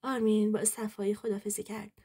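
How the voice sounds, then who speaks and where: A woman's voice: mid-range voice, flat delivery, warm tone, slightly rough. A woman narrating a true story in the first person, telling it in an earnest, emotional way.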